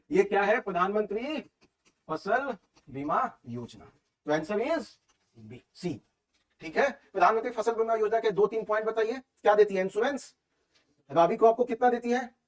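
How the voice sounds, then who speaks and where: A man with a Hindi accent teaching a class, briskly quizzing his students as he reviews questions. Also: high voice, distant mic.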